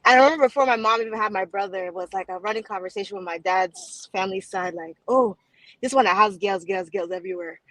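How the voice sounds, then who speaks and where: A woman's voice: medium pitch, fast, a bit bright, dry recording, rough recording. A woman calling in to a livestream chat, her voice cutting in and out over a bad connection. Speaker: caller on a livestream. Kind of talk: casual chat. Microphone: remote call.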